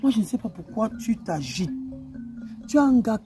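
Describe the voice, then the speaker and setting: A man's voice: high voice, very animated, moderate pace. A man playing a young boyfriend accused of cheating, talking defensively and pleading, with faint music underneath.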